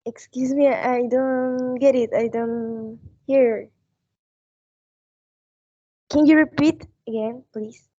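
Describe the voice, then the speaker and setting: Slow hesitant woman. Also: high-pitched, fairly even intonation, mellow, no echo, dull audio. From Colombia. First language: Spanish. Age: 20s. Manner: slow, hesitant, searching for words. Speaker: language student. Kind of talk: English speaking practice in class.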